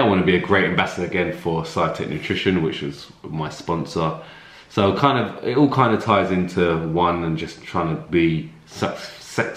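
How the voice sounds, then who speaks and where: A man in his thirties with a low voice chats casually through viewer questions, relaxed and full of fillers and restarts. The sound is roomy, with echo from the home room around him, and he is picked up by a camera sitting in front of him. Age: 30s. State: slightly runny nose. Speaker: fitness coach answering viewer questions. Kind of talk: casual Q&A vlog. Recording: echoey room.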